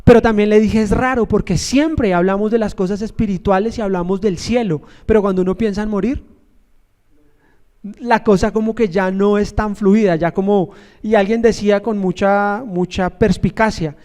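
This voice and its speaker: A man's voice: high voice, steady tone, moderate pace, darkish tone. A man, a pastor, preaching a sermon in a conversational storytelling way, joking and asking the congregation questions.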